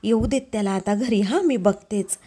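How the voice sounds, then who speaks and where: A woman voicing a quick-tempered middle-aged mother who speaks in a sharp, indignant way. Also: mid-range voice, slightly rough, close to an everyday voice.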